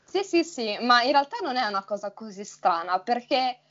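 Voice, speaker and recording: A woman's voice: a little high, lively intonation, moderate pace, a bit bright, highs cut off. A young woman with a fairly neutral northern Italian accent, chatting casually and explaining things by rephrasing them. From Friuli Venezia Giulia, north-east Italy. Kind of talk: casual chat about languages.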